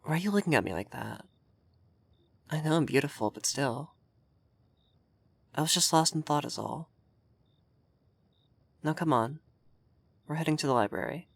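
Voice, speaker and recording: In an ASMR roleplay, a man plays an effeminate vampire lord, haughty and prim, bossing the listener around with tsundere fluster. His medium-pitched voice is creaky, and the intimate recording is very dry with no room sound.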